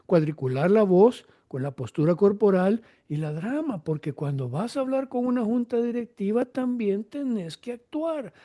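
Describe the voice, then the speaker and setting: A male interviewer with a high voice and a soft, dark tone chats casually with his guest. His sentences wander loosely as he thinks aloud. The sound is close and dry, with no room echo. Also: animated, moderate pace, few pauses.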